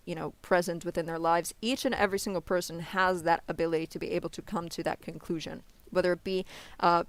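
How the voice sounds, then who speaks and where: A man's voice: high voice, smooth, no echo. A man in a street debate about faith, patiently explaining and often checking "you understand?". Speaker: religious debater.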